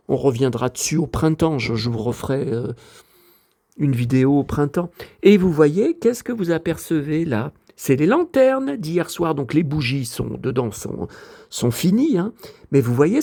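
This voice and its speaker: A man's voice: fairly high pitch, a little mellow. Rambling chatty man on his balcony. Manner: rambling, chatty, keeps asking the viewers "you see?". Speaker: YouTuber. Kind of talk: casual vlog chat to viewers. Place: outdoors on a kitchen balcony facing a forest.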